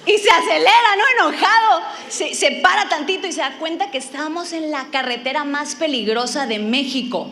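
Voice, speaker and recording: High-voiced lively woman preacher. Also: fairly quick, hardly any pauses, slight background noise. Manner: animated, self-mocking, acts out her own quotes. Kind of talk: humorous sermon storytelling.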